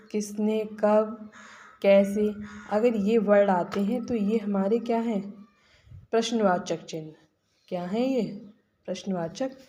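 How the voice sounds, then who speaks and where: A woman's voice: medium pitch, mellow. Woman, teacher, classroom lesson, patient, faint hiss behind her. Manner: patient, asks questions then answers them. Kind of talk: classroom lesson explaining workbook answers.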